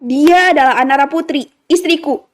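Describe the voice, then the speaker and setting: A sneering, arrogant young man snaps back in an audio story, voiced by a woman. The voice is high and defiant. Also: fast, natural voice.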